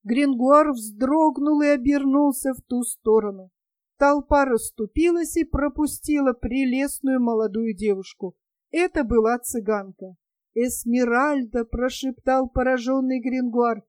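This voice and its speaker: A woman reading a classic novel aloud in a measured, expressive audiobook narration. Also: high voice, dry recording, clean studio sound. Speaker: audiobook reader.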